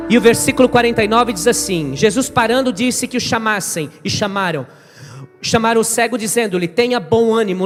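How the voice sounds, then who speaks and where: A male pastor preaching a lively sermon, acting out scenes and voices and rising to shouts at the peaks. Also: high-pitched, long reverb tail. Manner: fervent, acts out biblical dialogue, shouts climaxes. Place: church service.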